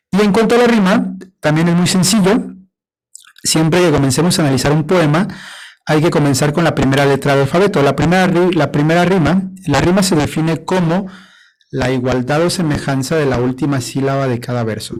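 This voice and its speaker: A man teaching a class on poetry, his voice sitting a little high for a man. He is patient and steady, slowing down to count syllables out loud one by one. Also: poor audio.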